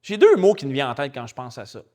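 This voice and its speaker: A man with a Québécois French accent, a pastor preaching a sermon in a lively, colloquial storytelling way. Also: mid-range voice, fast. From Quebec. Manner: animated, colloquial and chatty, with spoken English slang.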